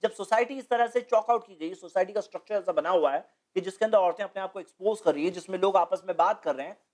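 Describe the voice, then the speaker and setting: A man's voice: high-pitched, fast talker, darkish tone. Male guest speaker, studio interview, lecturing and explanatory, fond of rhetorical questions. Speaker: guest speaker on Islamic topics.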